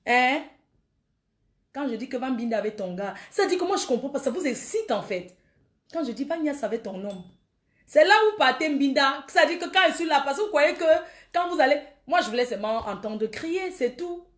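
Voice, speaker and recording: Woman, high voice, defiant, taunting, scolding, livestream rant. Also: animated, moderate pace, a bit bright. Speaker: social media livestreamer. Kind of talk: ranting Facebook live video.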